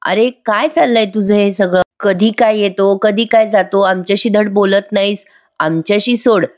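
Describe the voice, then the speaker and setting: A woman's voice: medium pitch, normal speed, close to an everyday voice. Lady reading a stern dad telling off his son, scolding tone.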